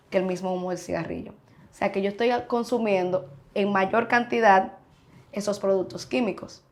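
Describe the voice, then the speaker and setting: Frank woman specialist guest, emphatic, explains plainly, mid-pitched voice. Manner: frank, emphatic, acts out patient dialogue. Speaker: urologist guest. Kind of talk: interview answers, explaining.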